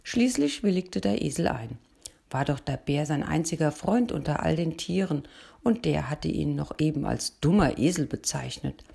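Gravelly, husky woman reading a story. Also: sits low, expressive, moderate pace, mellow. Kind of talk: reading a children's story aloud.

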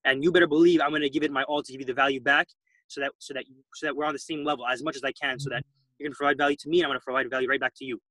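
A man's voice: mid-range voice, steady tone, very fast, fairly bright tone, no echo, rough recording. A man who is a guest entrepreneur, giving emphatic interview answers and repeating words as he builds his points.

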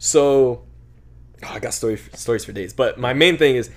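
Young man, co-host, animated profane storyteller, mid pitch. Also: normal speed. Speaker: podcast co-host. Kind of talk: casual chat.

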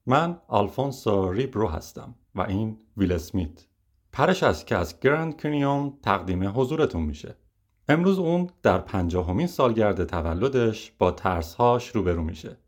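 A man narrating a first-person memoir audiobook in a measured, reflective way. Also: fairly low pitch.

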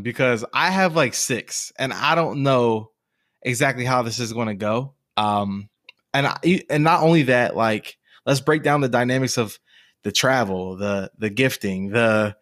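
Rambling young man, casual podcast chat. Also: mid-range voice. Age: 20s. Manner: relaxed, rambling, many fillers and restarts. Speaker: podcast co-host.

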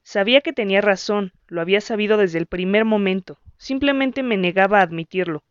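A woman narrating a story in the first person with an even, measured reading. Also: medium pitch, clean tone, no echo, muffled recording. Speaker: audiobook narrator.

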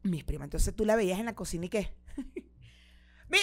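Lively Venezuelan woman, laughing as she talks. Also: medium pitch. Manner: lively storyteller, quick to laugh, acts out quotes. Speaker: actress and podcast guest. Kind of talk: casual chat.

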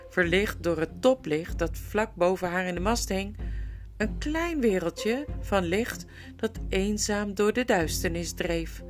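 A woman narrating an audiobook story in an expressive, measured way. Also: mid-range voice. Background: faint guitar music.

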